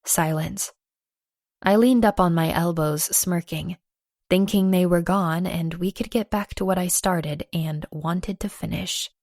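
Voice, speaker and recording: Brief: woman narrator, lowish voice, dry close studio sound, playful first-person romance read. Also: measured pace, darkish tone, dry recording. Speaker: audiobook narrator.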